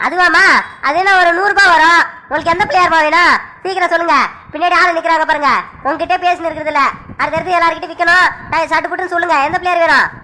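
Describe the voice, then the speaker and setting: A woman plays a young male idol seller in a cartoon village market, a man who hurries every customer along with quick, clipped talk. His voice sits very high and comes out bright and sharp. He bargains hard and is always impatient. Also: fairly even intonation. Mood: hurried. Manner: impatient, haggling, rushes customers. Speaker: shopkeeper. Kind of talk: cartoon voice acting.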